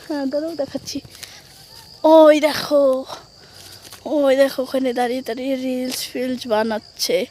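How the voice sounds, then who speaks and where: Hoarse, high-voiced woman vlogging outdoors. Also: moderate pace, long pauses, mellow, a little hiss or hum. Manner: playful, teasing, mock-complaining. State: hoarse from a cold. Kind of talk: casual vlog chat to viewers. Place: outdoors in open farm fields.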